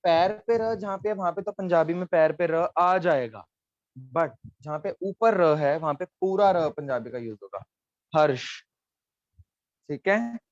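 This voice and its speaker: Male teacher, patient step-by-step explainer, slightly raised pitch, dry dull recording. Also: expressive, measured pace, no room sound. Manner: patient, explains step by step, checks with "theek hai". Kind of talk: online Gurmukhi lesson at a board.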